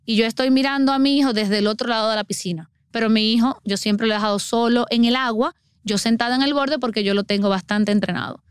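A middle-aged woman appears as a podcast guest, earnestly explaining child water safety and acting out everyday scenes. Her voice is fairly high, clear and resonant, with a steady tone and quick pace. The studio-quality recording has no room sound.

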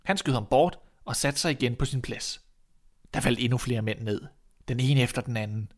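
A man reads a fairy tale aloud at a mid pitch. His telling is calm and measured, paced for listening. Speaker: narrator. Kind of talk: storybook reading.

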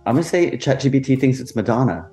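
A man's voice: mid-range voice, lively intonation, warm tone, faint music behind. Wry man co-hosting a podcast. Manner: wry, quick with jokes. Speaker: podcast co-host. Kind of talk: casual chat.

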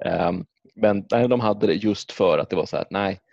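Swedish man, very low gravelly voice, joking casual chat, dry sound. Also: a little mellow, no echo, lo-fi sound. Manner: joking, rambling, swears casually. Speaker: podcast co-host.

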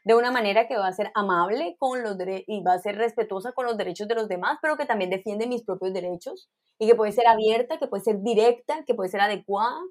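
Woman guest explaining emotions, calm teaching tone, middle pitch. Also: a little fast. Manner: calm and instructive, lists steps. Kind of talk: explanatory podcast interview.

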